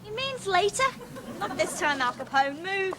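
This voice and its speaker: A woman's voice: very high voice, normal speed, noisy background. An actress playing a cheeky, bossy young woman who teases with dry sarcasm in natural TV comedy-drama dialogue. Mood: bossy, stern. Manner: teasing, wisecracking, deadpan sarcasm. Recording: music and crowd chatter behind.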